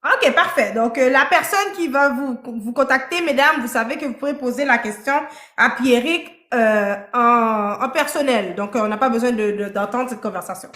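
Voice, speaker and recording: A woman's voice: a little high, moderate pace, a bit bright, reverberant. A woman hosting a live-stream dating show, interviewing a guest with persistent, probing questions.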